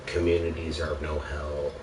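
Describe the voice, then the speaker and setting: A man with a low voice delivers an exasperated, sarcastic rant about gaming, cursing freely and casually. He sounds set back from the microphone in an echoing room. Clear noise runs behind him. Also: little pitch movement, moderate pace. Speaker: video game ranter. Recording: roomy, noisy, distant microphone.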